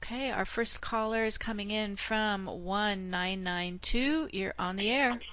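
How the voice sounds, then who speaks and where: Smooth, soothing woman radio host. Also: mid-range voice, a little slow, fairly bright tone, muffled recording, a little hiss or hum. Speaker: call-in show host. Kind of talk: hosting a spiritual call-in broadcast.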